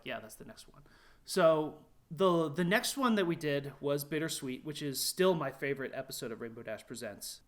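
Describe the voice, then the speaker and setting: A man who is a guest animator on a podcast, talking in a casual, animated way with frequent laughs and filler words. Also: on the high side. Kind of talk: casual chat.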